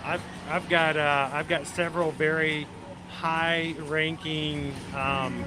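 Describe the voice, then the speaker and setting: A man's voice: on the high side, flat delivery, takes it slowly. A man hosting a casual livestream, chatting directly to his viewers. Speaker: livestream host and travel agent. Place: outdoors in a busy theme park. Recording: loud outdoor theme park noise. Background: ride announcements, vehicles, park ambience.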